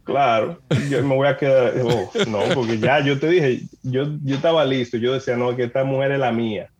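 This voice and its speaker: Animated Dominican man telling stories. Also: mid-range voice, normal speed. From Dominican Republic. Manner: animated, acts out quoted dialogue, laughs often. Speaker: guest. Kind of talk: lively storytelling in a casual chat.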